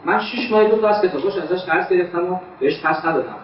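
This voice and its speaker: An actor playing a volatile young son who threatens someone who has been spying on him, in a radio drama. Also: male voice, high-pitched, a little hiss or hum, close to an everyday voice. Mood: recounting. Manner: tense, threatening. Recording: echoey, distant, dull lo-fi sound.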